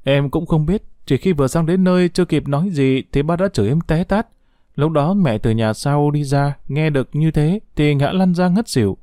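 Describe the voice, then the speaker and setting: A man's voice: on the high side, moderate pace, warm tone, no room sound, studio quality, lightly acted. A man reading an audio story, voicing a young woman who pleads and frets. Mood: anxious.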